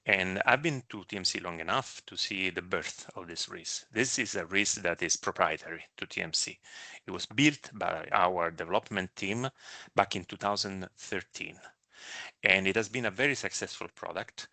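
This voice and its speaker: A medical director answers questions in a live Q&A, explaining in a measured, careful manner with some hesitations. His voice is deep and creaky, pushed and bright, with no echo.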